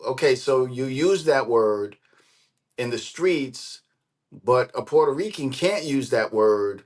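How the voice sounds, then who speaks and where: A man's voice: mid-range voice, expressive, takes it slowly. A man in casual podcast conversation speaks earnestly, often restarting his words. He affirms his co-host with short murmurs.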